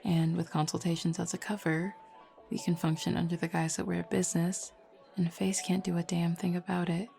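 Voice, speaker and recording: A woman with a fairly low, dark and creaky voice plays a confident, flirty werewolf pack beta, chatting teasingly to the listener in a roleplay audio drama. Her delivery is flat and a bit quick, her mood calm and explanatory, with lo-fi music playing behind her.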